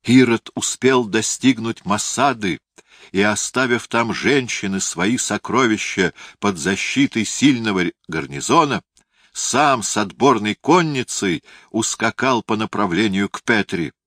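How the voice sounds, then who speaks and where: A man doing a hurried male messenger. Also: lowish voice, expressive, fairly bright tone, no echo, clean studio sound, pitched above the performer's own voice. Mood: urgent.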